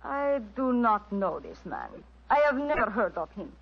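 A woman's voice: on the high side, very animated, moderate pace, creaky, breathy edge, heavily acted. An actress playing a passionate, possessive young Kasbah woman as a melodramatic tragic heroine with in an old radio drama. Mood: guarded. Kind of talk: 1940s radio drama acting. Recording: dull old radio recording, music behind.

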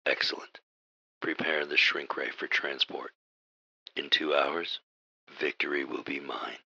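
A radio-play supervillain with a bottomless, hard-edged voice. He is pompous and easily exasperated, delivering slow theatrical menace in a close, dry, slightly dull recording. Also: extremely low pitch, steady tone, vocal fry, pushed and bright, exaggerated voice. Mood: smug menace. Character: pompous, exasperated male villain mastermind of evil professorial henchmen. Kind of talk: comic radio drama acting.

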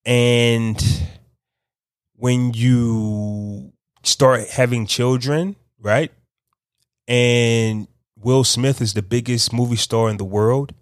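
A man hosting a podcast, giving casual unscripted commentary, talking slowly and thinking aloud with frequent restarts. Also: medium pitch, fairly even intonation, clear, resonant tone, no echo, studio quality. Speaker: podcast host.

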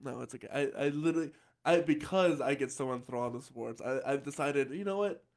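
A man's voice: mid-range voice, fairly quick. A young man hosting a podcast in a casual chat, laughing often and tripping over repeated words. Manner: chatty, laughing, repeats words when excited. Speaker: podcast host.

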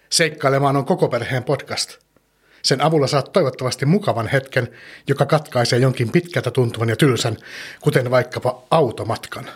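A man hosting a children's podcast, gently telling a story and asking the young listener questions. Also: medium pitch, breathy edge.

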